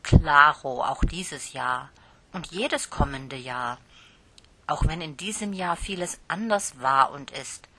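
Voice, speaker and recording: Storybook aunt, firm and emphatic, bright and breathy, read by a woman. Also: sits low, takes it slowly, heavily acted. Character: brisk, firm adult aunt.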